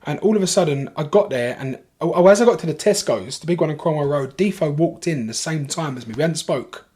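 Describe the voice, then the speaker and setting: A man with a London accent talking as a podcast guest, his voice sitting a bit high for a man. He tells his story in a casual, animated rush, swears freely and keeps restarting his sentences. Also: brisk, slightly rough.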